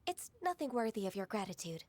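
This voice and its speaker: A woman with a mid-range, sing-song voice voices a gentle, modest young secretary in a video game. She speaks politely and formally in measured phrases, sounding modest and dutiful.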